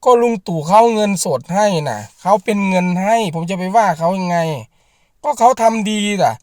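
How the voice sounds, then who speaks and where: A man's voice: sits high, animated, normal speed, no echo, clean studio sound. A man, a rice farmer and channel host, talking straight to camera in an earnest, repetitive way as he appeals to the government. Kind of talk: direct-to-camera political vlog.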